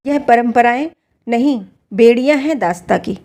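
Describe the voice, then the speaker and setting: A woman reading the part of a calm husband who gently and earnestly argues against harsh customs in a narrated story. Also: very high-pitched, normal speed.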